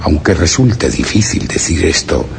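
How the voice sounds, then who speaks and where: In a Spanish radio drama suspense monologue, an actor plays a solemn explorer narrating his journal, grave, literary and theatrical, posing rhetorical questions in a pondering, awed mood. His low voice has vocal fry and lively intonation, unhurried, a full character voice over music.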